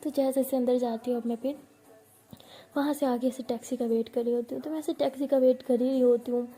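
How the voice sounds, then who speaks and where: A woman's voice: sits high, fairly even intonation, fast, mellow. A woman narrating a first-person love story in a tender, intimate way, acting out the dialogue herself. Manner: tender, intimate, voices both partners in the story.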